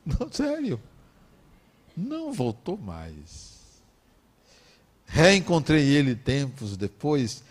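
A man with a Brazilian Portuguese accent giving a motivational talk with personal stories, emphatic and prone to repeating phrases and joking asides. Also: fairly high pitch.

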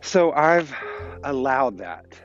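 A man's voice: mid-range voice, sing-song, slow, highs cut off, faint music behind. A man in his thirties telling a personal story on his podcast, candid and reflective with many restarts, slightly out of breath from walking outdoors. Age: 30s. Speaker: podcast host. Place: outdoors on a walk.

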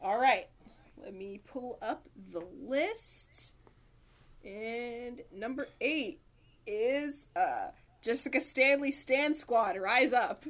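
A woman's voice: on the high side, expressive, slow. A woman co-hosting a casual podcast chat, enthusiastic, laughing often and swearing freely. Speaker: podcast co-host.

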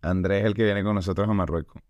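A man from Venezuela co-hosting a casual comedy podcast, teasing his partner with quick jokey remarks. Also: sits low, fairly even intonation, a little mellow, no echo, dull audio. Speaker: podcast co-host.

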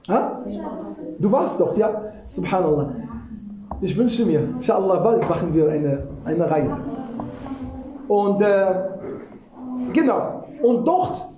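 A woman teaches a religious lesson in a warm, mellow voice, often asking her listeners questions. She switches into quick recitations of Arabic scripture. The room around her is roomy and echoey. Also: a little high. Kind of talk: religious lesson to a small audience.

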